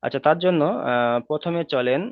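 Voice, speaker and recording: A man teaches Quran reading in an online class, his medium-pitched voice clear and resonant though a little fast. Through tinny, dry video-call audio, he patiently repeats each rule and draws out the vowels.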